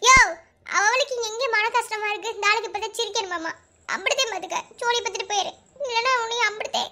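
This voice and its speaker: A woman voicing a tearful, sharp-tongued young village wife in a cartoon, speaking with a Madurai Tamil accent in a squeaky, scolding voice. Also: fast talker. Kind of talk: cartoon voice acting.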